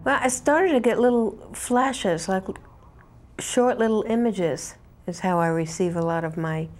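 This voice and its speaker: A woman psychic in an interview, thoughtful and pausing to find her words. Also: medium pitch, soft background music.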